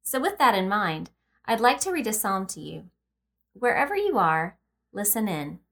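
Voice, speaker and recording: Over background music, a woman's medium-pitched voice leads listeners through meditation and scripture readings on her devotional podcast. Her manner is gentle and instructive, calm and never hurried.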